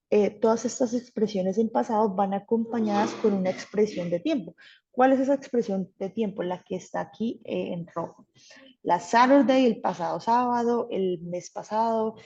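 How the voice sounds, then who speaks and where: A woman's voice: mid-range voice, mellow, husky, muffled recording. A woman teaching an English grammar class, patient and checking in often with her students. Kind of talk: online class explaining grammar.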